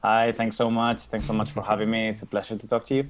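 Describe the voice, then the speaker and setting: A man's voice: lowish voice, level tone, fast talker, faint music behind. A man in his thirties from Spain with a Spanish accent, a podcast guest talking casually with many restarts and fillers. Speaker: podcast guest, tech company co-founder. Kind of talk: casual interview talk.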